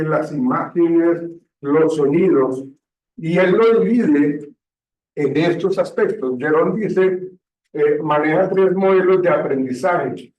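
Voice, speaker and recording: A man teaching a classroom lecture, often pausing to check understanding, recorded from a distance in a classroom. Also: on the high side, darkish tone. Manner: slow, checks understanding with frequent "¿sí?". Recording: echoey room, distant mic, dull sound.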